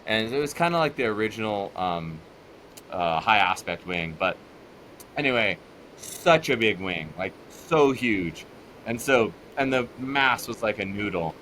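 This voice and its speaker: Bright-voiced man telling surf stories. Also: on the low side, unhurried, slight background noise. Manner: animated, laughs while telling stories. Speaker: podcast guest. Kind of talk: casual storytelling chat.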